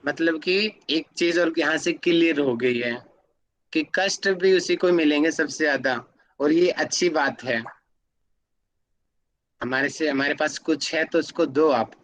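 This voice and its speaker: A man's voice: a little high, a bit bright. A man teaching an online class, explaining with examples and putting questions to his students. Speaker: yoga academy teacher.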